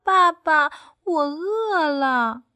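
A woman voicing a clingy, sweet baby duckling in a high, drawn-out cooing voice. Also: lively intonation, bright, forceful tone, no room sound, full character voice. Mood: sweet pleading.

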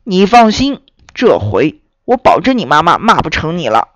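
A woman voicing a big, hungry male wolf in a children's story, talking gruffly and bluntly. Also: sing-song, moderate pace, no room sound. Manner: gruff, lower and louder than the narration.

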